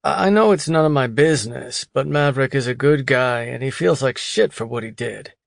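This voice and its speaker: A man's voice: medium pitch, a little fast, creaky, no echo, clean studio sound, voice pushed up, lightly acted. A male narrator voicing a blunt, outspoken male friend who lectures and teases.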